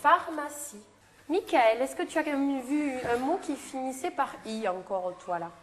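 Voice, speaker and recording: A woman's voice: high-pitched, lively intonation, a little slow, a little hiss or hum. A woman teaching young children in class, speaking patiently, prompting with questions and repeating their answers back. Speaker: primary school teacher.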